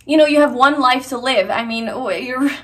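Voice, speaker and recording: Talking casually to her vlog audience, a young Hungarian woman sounds earnest and keeps using fillers and restarting. Her voice is high and her pace moderate.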